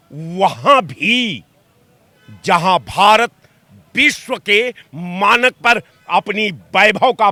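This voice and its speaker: A man on a debate panel speaking slowly and weaving in lines of poetry. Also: high-pitched, bright, forceful tone, no room sound. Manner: slow, quotes poetry between points.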